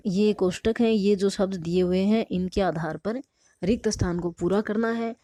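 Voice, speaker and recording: A woman's voice: mid-range voice, fairly even intonation, moderate pace, warm tone, dry recording, clean studio sound. A woman teacher patiently explaining a textbook lesson, asking questions and answering them herself. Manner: patient, asks and answers her own questions.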